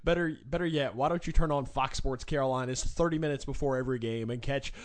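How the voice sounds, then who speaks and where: A man's voice: mid-range voice, fast. A man hosting sports talk in a mid-range voice, teasing his guest with playful, rambling questions. He stumbles and restarts as he builds up to each question, then promotes the guest's shows to listeners.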